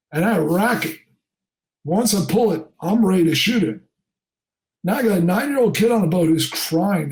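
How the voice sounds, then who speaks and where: A middle-aged charter fishing captain from New Jersey tells a story in a podcast interview and acts out the people in it. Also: male voice, sits high, a little mellow. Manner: acts out quoted people in raised voices.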